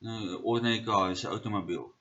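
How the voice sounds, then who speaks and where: A man with a South African accent giving a pronunciation lesson. He says each word slowly three times and explains terms with pauses and fillers. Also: fairly low pitch, pushed and bright, lo-fi sound. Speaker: pronunciation teacher.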